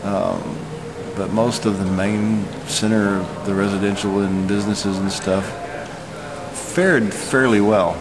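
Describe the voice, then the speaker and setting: A man in his forties talks in a low, flat voice, recounting what he saw as a storm chaser. His delivery is halting and matter-of-fact, like an off-the-cuff vlog. It is recorded indoors with clear background noise. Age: 40s. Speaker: storm chaser giving an eyewitness report. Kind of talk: unscripted vlog account. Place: hotel lobby, indoors.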